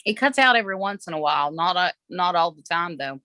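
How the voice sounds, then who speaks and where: A woman's voice: on the low side, animated, quick pace, bright, forceful tone, no room sound. A woman taking part in a live paranormal session, talking in casual conversation. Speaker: participant in a live spirit box session. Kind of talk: casual chat.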